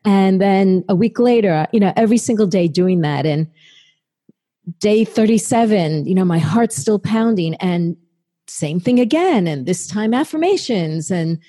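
A woman speaks in a warm, mellow voice at a middling pitch. She tells a personal story in an easy, conversational way, often using filler phrases as she goes. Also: animated, a little slow. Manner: conversational, many "you know" fillers. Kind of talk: storytelling talk.

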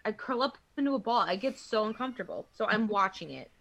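A woman hosting a podcast in casual chat, blunt and quick to swear and laugh. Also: medium pitch, expressive, gravelly, fairly bright tone. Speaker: podcast host.

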